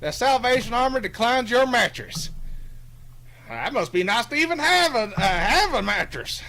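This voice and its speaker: A bragging, rambling hillbilly host with a folksy drawl, as a man puts him on. The voice sits high and sounds bright and twangy, full of fillers and chuckles. He talks like a character on a homemade live stream. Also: sing-song, normal speed, heavily acted.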